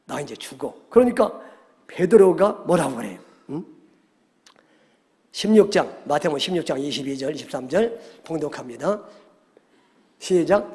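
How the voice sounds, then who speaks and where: A male pastor preaching a Sunday sermon, animated, often checking in with the congregation and acting out quoted voices. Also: sits high. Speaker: senior pastor. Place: church sanctuary. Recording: long church hall reverb.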